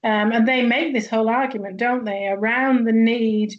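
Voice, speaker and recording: A woman's voice: a little high, steady tone, normal speed. Reflective Northern English woman, lo-fi. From northwest England. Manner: thoughtful, many fillers and restarts. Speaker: guest sociologist. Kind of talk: academic interview conversation.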